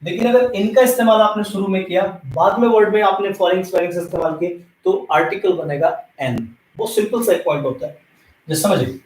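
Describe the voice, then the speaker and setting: A man from India teaches an English grammar lesson, addressing his students directly and explaining things step by step. His voice sits high and his pace is brisk, heard from a distance in an echoey room.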